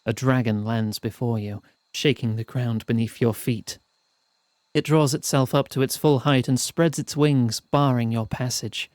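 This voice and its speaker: A man streaming a fantasy role-playing game, reading its text aloud in measured storytelling style and chatting between passages. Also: mid-range voice, steady tone, a little mellow, no echo, clean studio sound.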